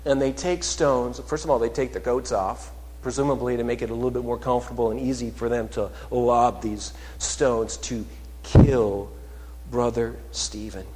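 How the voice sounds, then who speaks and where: A man preaching a sermon, moving from hushed, soft storytelling to loud, rising proclamation. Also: mid-range voice, fairly even intonation, moderate pace, slight background noise. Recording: long reverb of a large hall.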